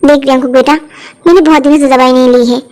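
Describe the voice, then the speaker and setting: A woman's voice: sits high, fairly even intonation, quick pace, darkish tone, voice pushed down, close to an everyday voice. A woman voicing a bossy, scheming old grandmother who scolds and coaxes. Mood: sly coaxing.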